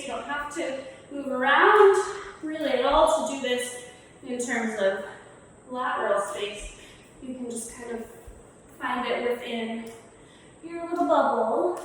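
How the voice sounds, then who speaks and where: A woman leading a youth movement workshop, giving playful, encouraging instructions and calling out commands for a warm-up game. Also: high-pitched, a little hiss or hum. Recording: echoey, reverberant room.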